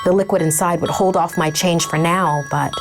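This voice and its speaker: Hunted young werewolf man, narrated by a woman, deep register, scripted horror narration with music behind. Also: fairly even intonation, lightly acted. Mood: solemn. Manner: measured, solemn storytelling.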